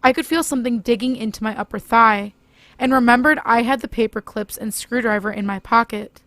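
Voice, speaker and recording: A woman's voice: on the high side, brisk, fairly bright tone, no room sound. Woman narrating a horror story.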